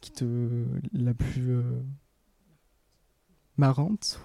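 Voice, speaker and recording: A man in the audience at a live podcast taping, asking a question in a hesitant, halting way with many fillers. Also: mid-range voice, mellow, no room sound.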